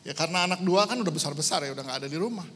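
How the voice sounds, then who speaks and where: Middle-aged pastor guy preaching, kinda high voice, lots of hall echo, animated storytelling. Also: racing, a little hiss or hum. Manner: storytelling, lively swings in pitch and loudness, mixing in English phrases. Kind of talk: sermon. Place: church hall. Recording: church hall with long reverb.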